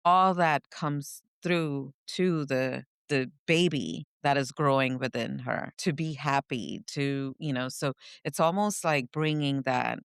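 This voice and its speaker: A woman from India, a podcast co-host reflectively recounting her upbringing, often pausing to search for words. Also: very deep voice, no room sound, studio quality. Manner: reflective, searching for words, frequent "you know". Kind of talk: personal storytelling in conversation.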